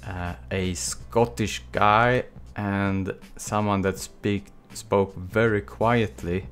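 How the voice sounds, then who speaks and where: A clean-toned, lowish voice belongs to a Swedish man in his thirties with a Swedish accent who speaks slowly while streaming a texturing tutorial from his small home studio. Relaxed and chatty over a desk mic with webcam, he answers viewer chat between long quiet stretches.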